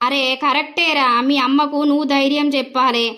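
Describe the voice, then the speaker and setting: A woman's voice: high voice, flat delivery, fairly quick, pushed and bright. Woman doing a loyal young village pal. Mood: reassuring. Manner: brash, reassuring. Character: loyal young male village friend, reassuring. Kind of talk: village cartoon voice acting.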